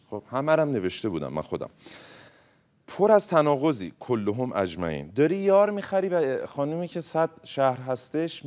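A man player accusing another in a mafia game, emphatic and rapid-fire. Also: mid-range voice, a little mellow.

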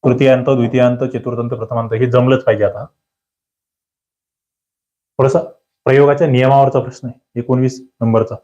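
A man giving an online exam-prep lecture, drilling grammar questions with lively, rising emphasis and questions to his students. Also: mid-range voice, a little fast, long pauses, highs cut off.

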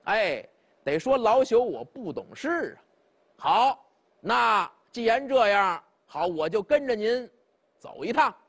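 A sly, tipsy old hermit speaks in a drawling, falsely humble way, as a male storyteller puts him on. His voice sits high and husky and swings widely in pitch. He keeps an aloof, teasing air throughout. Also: sing-song, takes it slowly, fairly bright tone, heavily acted. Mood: wry, aloof.

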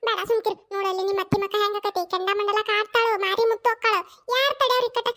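A woman's voice: very high voice, steady tone, very fast, a bit bright. A woman voicing a soothing, meddling middle-aged neighbor in a cartoon, with a North Karnataka accent and a coaxing, motherly manner. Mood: hushing. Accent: North Karnataka Kannada.

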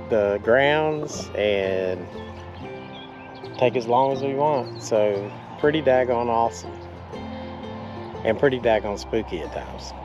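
An older man casually narrating a travel vlog outdoors, talking slowly and folksily with fillers, into a camera at arm's length. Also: mid-range voice, lo-fi sound. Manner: slow, relaxed, folksy with fillers. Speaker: travel vlogger. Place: outdoors at an abandoned amusement park.

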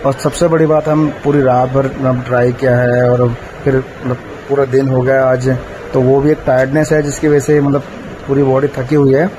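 A man vlogging casually while climbing outdoor temple steps, out of breath and tired, often pausing with fillers. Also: medium pitch, flat delivery, noisy background. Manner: chatty, tired, filling pauses with "matlab". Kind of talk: casual travel vlog narration. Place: outdoor hillside stairway to a temple. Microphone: phone camera held while walking.

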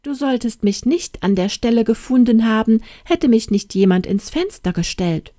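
A woman's voice: a little high, expressive, normal speed, warm tone, no room sound, studio quality, pitched above the performer's own voice, natural voice. A woman voicing a pitiful talking cabbage head in a storybook reading, with a plaintive, whiny delivery.

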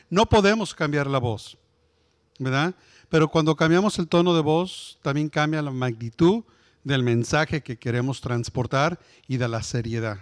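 A man leading a workplace communication workshop, animated and questioning the group directly. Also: fairly high pitch. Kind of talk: interactive workshop talk to a group.

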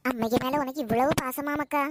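Woman acting out a grumpy suspicious old mum, very high voice, slight hiss behind. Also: steady tone, brisk, natural voice. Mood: touched. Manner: nagging and sharp-tongued. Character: scolding, suspicious old village mother. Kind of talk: comedy skit acting.

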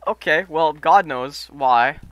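A man's voice: fairly high pitch, slow, fairly bright tone, a little hiss or hum. A young man streaming a game with friends, casual and exasperated, swearing often. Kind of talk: casual gameplay chat with friends.

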